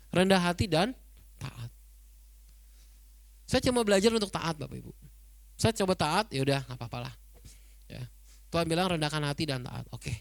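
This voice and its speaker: A man's voice: fairly high pitch, vocal fry, no room sound. A man preaching a sermon in a conversational way, often speaking to the congregation directly and tagging lines with a friendly "ya". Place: multipurpose hall on the ground floor of an apartment tower.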